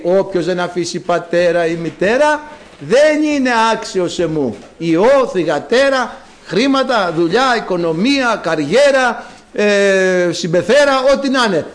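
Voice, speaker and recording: A male priest giving a sermon, telling stories in an animated way and addressing the congregation again and again. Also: high voice.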